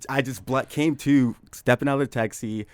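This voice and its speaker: A man's voice: mid-range voice, steady tone, moderate pace, a little mellow, clean tone, no echo, studio quality. A young man from Chicago telling a rambling story in casual chat, laid-back and full of fillers. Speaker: podcast guest.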